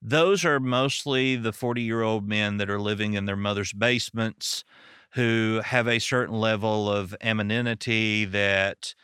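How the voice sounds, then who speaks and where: A man's voice: on the low side, steady tone, measured pace, pushed and bright, clean tone, dry recording, studio quality. A man with a Southern American accent from Arkansas, hosting a podcast and chatting in a folksy, storytelling way. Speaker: podcast host and pastor. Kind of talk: casual podcast interview.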